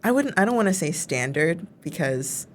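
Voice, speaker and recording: Chatty low-voiced young woman from Chicago. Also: big pitch swings, normal speed, slight background noise. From Chicago suburbs, United States. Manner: chatty, heavy use of filler "like". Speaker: co-host. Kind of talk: casual chat.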